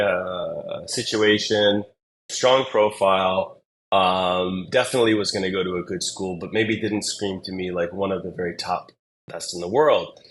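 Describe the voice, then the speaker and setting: A man's voice: low voice, slight background noise. A man working as an admissions consultant, telling stories in a casual interview with lots of fillers and restarts. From Singapore. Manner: animated storyteller with many fillers and restarts.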